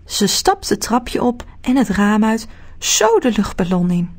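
A woman narrating a children's storybook audiobook in a steady, clear telling. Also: medium pitch, measured pace.

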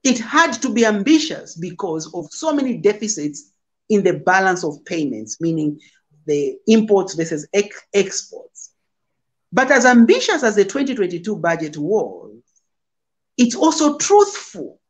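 A man's voice: high-pitched, very animated, unhurried. Emphatic man lecturing over a video call. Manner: emphatic, lecturing with figures and analogies. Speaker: political commentator guest. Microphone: phone on video call.

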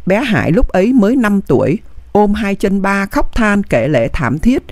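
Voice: mid-range voice, moderate pace, no echo. A reader giving an emotive, dramatic reading of a wartime memoir. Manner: emotive, lively phrasing. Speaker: audiobook reader.

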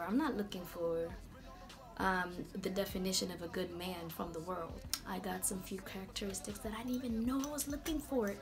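A woman hosting a casual Bible talk vlog in a chatty, slangy, animated way. Her voice is going hoarse. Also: mid-range voice. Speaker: video host.

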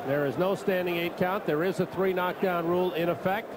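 A man's voice: sits high, fairly even intonation, brisk. A man calling a boxing match live as a play-by-play commentator. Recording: loud crowd noise behind commentary. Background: loud arena crowd.

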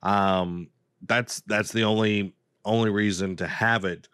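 Man in his thirties, low smooth voice, dry close headset sound, blunt opinionated co-host who hesitates with fillers. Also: fairly even intonation, measured pace, fairly bright tone, dry recording. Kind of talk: casual gaming news chat. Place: home room with bookshelves. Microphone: video call headset.

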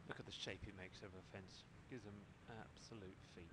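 A man's voice: low voice, fairly even intonation, fairly quick. A man adding enthusiastic expert remarks as co-commentator at an equestrian event. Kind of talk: sports commentary. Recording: outdoor broadcast with crowd noise.

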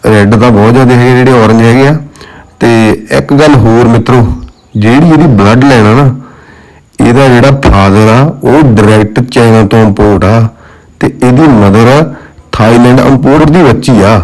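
A man's voice: mid-range voice, moderate pace, darkish tone, low-quality recording. A man with a Punjabi accent chatting casually to viewers as a dog breeder presenting on video, addressing them as friends.

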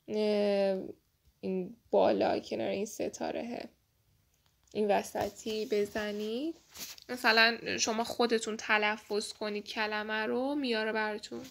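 A woman with a Persian accent talks over a screen recording as an English teacher, explaining step by step. Her voice sits a little high and has a gravelly, creaky edge. She hesitates often, filling pauses with soft filler sounds. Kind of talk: screen-recorded tutorial walkthrough.

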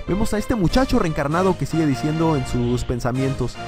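A man hosting a reaction video, reading a fan comic aloud and acting out the characters' lines with shouts. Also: fairly high pitch, a little fast, music in the background. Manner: animated, acts out characters' lines with loud yells.

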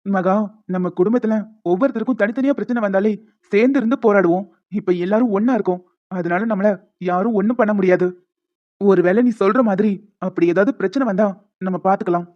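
A woman voicing a young man in an animated cartoon, an affectionate, teasing fiancé who coaxes and reassures his bride-to-be. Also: mid-range voice, fast talker, dull audio, close to an everyday voice. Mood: reassuring. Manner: playful, coaxing, reassuring.

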